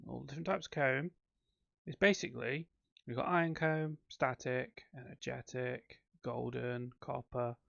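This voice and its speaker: A man's voice: medium pitch, moderate pace, vocal fry, fairly bright tone, no echo, dull audio. A man giving casual, rambling commentary on his own gameplay, with frequent ums and self-corrections. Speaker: let's play host.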